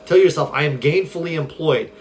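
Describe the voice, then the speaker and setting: A man's voice: fairly high pitch, fairly quick, slight background noise. A man, chatting casually on a live stream, answering viewer questions as a self-help coach in an upbeat, conversational way. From California. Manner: upbeat, conversational, reads viewer comments aloud. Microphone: phone.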